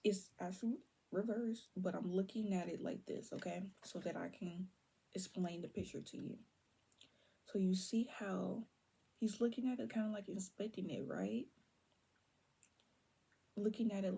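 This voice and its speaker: A young woman giving a casual tarot reading to viewers, keeping her voice down and slipping between low talk and soft whispers. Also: moderate pace, creaky, breathy edge. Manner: holds her voice down on purpose. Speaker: tarot reader.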